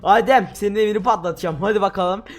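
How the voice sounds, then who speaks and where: A man giving loud, excitable commentary on his own gameplay, often shouting at other players. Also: high-pitched, fast. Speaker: gaming video host.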